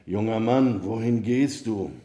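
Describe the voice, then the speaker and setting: A man's voice: fairly low pitch, unhurried, mellow, natural voice. A man voicing a thirsty tree by a river in his own plain storytelling voice. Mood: pleading. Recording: roomy echo.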